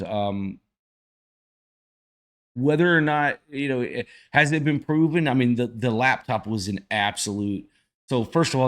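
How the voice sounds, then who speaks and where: Plain-spoken, folksy man, halting as he goes. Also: on the low side. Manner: folksy, plain-spoken, mildly salty language; halting, thinking aloud. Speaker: host of a reaction video. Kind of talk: casual political commentary.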